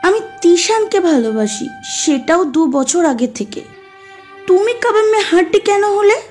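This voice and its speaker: A woman plays a lovestruck, headstrong young woman in an audio drama, her voice very high and swinging widely in pitch. She talks in a pleading, insistent way, with faint music under her lines. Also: big pitch swings, unhurried, darkish tone, full character voice. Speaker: voice actor.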